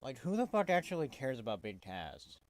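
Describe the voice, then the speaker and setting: A man's voice: medium pitch, sing-song, moderate pace. A man giving a casual, swear-heavy wrestling review, exasperated and full of restarts. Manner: profane, exasperated, stumbling restarts.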